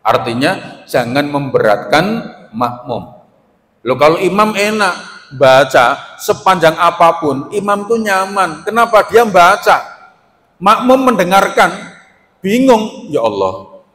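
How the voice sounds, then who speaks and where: Man, preacher, humorous storytelling, fairly high voice, long hall reverb. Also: expressive, slow, pauses often, fairly bright tone. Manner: humorous storytelling with acted quotes. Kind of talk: sermon. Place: mosque hall. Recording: echoey mosque hall.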